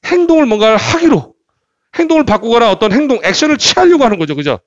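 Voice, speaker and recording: A man teaching English in a lively classroom lecture style, often repeating words and asking the class questions. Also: very high-pitched, fast talker, dry recording, dull audio. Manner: animated, repeats words and asks rhetorical questions.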